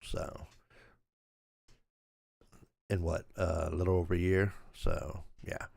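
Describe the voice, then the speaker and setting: An older man hosting a casual livestream, his voice raspy from a recent sore throat, rambling easily and laughing at himself. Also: low-pitched, level tone, takes it slowly, a little mellow, no echo. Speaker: channel host.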